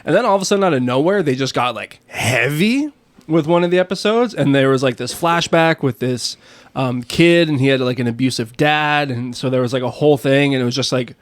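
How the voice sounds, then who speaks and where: Guy cohost cracking jokes, dry close mic, regular pitch. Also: fairly quick, no echo. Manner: jokey, teasing. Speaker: podcast co-host. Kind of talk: casual chat.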